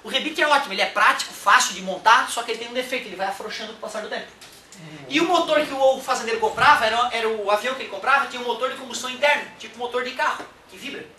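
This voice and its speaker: Chatty teacher, roomy and distant. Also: male voice, very high-pitched, rapid-fire, a little hiss or hum. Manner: animated, chatty, keeps checking in with listeners. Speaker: music teacher. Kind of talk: casual explanatory lesson. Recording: roomy echo from a distant mic.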